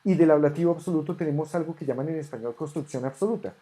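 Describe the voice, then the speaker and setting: A teacher giving an online ancient Greek grammar lesson, patiently correcting homework and sounding out Greek words slowly. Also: medium pitch, dark tone. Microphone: camera on a desk.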